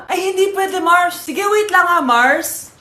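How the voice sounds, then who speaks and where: A woman's voice: very high-pitched, lively intonation, slow pace, noisy background. A woman acting out short comic skits, voicing every role herself with shrieky, exaggerated delivery. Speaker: comedy skit creator. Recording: roomy echo with background music.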